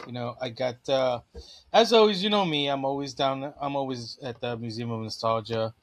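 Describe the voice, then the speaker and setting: A man's voice: mid-range voice, moderate pace. Easygoing man with a phlegmy throat. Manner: easygoing, chatty, frequent fillers. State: phlegmy throat, clearing it often. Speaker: podcast host. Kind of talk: casual chat.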